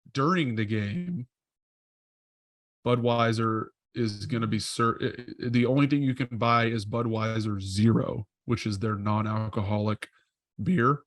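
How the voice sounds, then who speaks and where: A man's voice: medium pitch, no echo, studio quality. A man co-hosting a podcast in casual chat, rambling and correcting himself as he thinks aloud. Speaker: podcast co-host.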